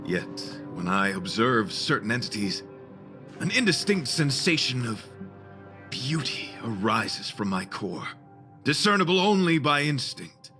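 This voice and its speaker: A man voices a young knight in a video game, a chivalrous figure devoted to beauty, delivering his lines formally, floridly and solemnly. The sing-song, mid-range delivery is unhurried and sharp in tone, with faint music behind it.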